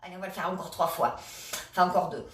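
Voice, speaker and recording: A woman leading a laughter yoga session, coaching gently with many hesitations. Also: lowish voice, fast talker. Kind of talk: guided exercise session. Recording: echoey room, a bit far from the mic.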